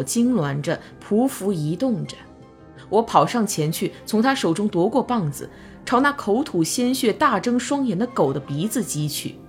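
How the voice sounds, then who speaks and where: A woman narrating a novel as an audiobook, in calm, measured storytelling. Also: mid-range voice.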